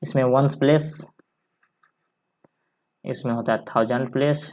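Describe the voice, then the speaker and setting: A male maths teacher giving a step-by-step lesson, dictating slowly and repeating each number as he writes it. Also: medium pitch, fairly even intonation, darkish tone, a little hiss or hum. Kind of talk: step-by-step lesson while writing on a board.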